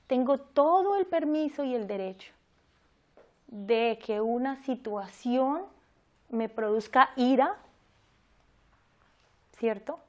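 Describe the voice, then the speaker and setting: A woman's voice: fairly high pitch, darkish tone. A woman giving a conversational church teaching talk, often asking her listeners questions. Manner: conversational, asks the audience questions.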